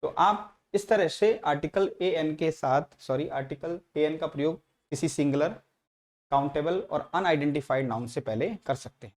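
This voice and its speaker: A man's voice: fairly high pitch, moderate pace. Man teaching grammar class. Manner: repetitive, checks in with frequent tag questions. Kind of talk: classroom lecture explaining English grammar.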